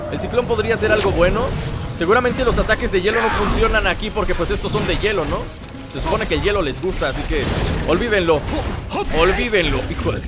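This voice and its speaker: A man giving let's-play commentary, playfully teasing enemies with mock insults. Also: high-pitched. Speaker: gameplay commentator. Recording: loud game music behind the voice. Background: game music and sounds.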